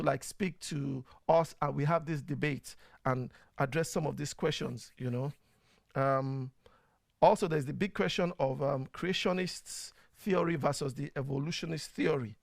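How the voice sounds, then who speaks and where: Hosting a casual online show in a live-stream style, this Nigerian-accented man talks chattily and packs in fillers. His voice is slightly high with a gravelly edge, sounding close and dry with no room sound around it.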